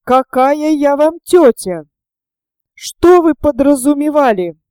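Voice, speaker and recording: Woman voicing an imperious old noblewoman, curt and commanding, slow and mellow, audiobook reading. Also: sits high, expressive, no echo, studio quality. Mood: angry. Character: imperious, indignant wealthy older noblewoman.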